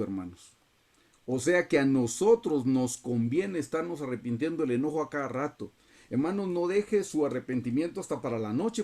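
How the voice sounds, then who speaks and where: A man's voice: mid-range voice, darkish tone. A man teaching a Bible study over a video call, earnestly and often turning to his listeners as brothers.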